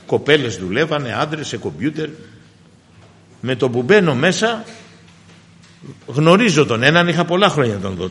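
In a large hall, a man preaches a sermon woven with personal testimony, addressing the congregation as brothers. He swings between emphatic high bursts and quiet low asides.

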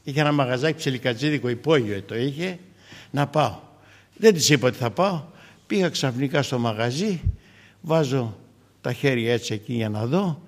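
A man in his sixties preaching a sermon, shifting from loud fervent exhortation to quiet, intimate storytelling. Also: mid-range voice, lively intonation, long reverb tail.

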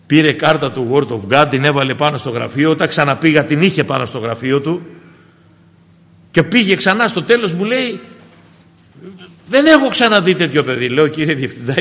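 A man, preaching a sermon with personal testimony, calling the congregation brothers and swinging from emphatic high bursts to quiet low asides. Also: big-room sound.

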